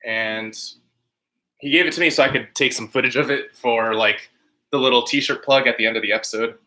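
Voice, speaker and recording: A man chatting casually on a livestream as host, halting and slightly nasal with congestion from a lingering cold. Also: medium pitch, steady tone, sharp tone, poor audio. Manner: frequent throat clearing, halting. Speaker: channel host livestreaming to viewers. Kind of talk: casual livestream chat, answering comments.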